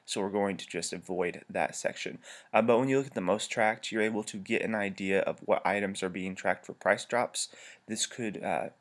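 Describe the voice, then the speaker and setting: Congested, low-voiced man giving a tutorial. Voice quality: congested, nasal. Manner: explanatory, conversational. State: stuffed-up nose from allergies. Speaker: tutorial presenter. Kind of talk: informal screencast tutorial narration. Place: voice-over for a screen recording.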